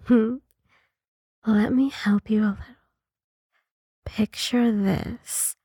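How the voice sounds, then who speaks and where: Sultry lady doing ASMR role-play, slow n breathy, really close dry sound. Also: on the high side, steady tone, mellow, dry recording. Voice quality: husky, breathy. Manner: sultry, breathy, teasing delivery. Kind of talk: sultry ASMR role-play, intimate adult audio narration.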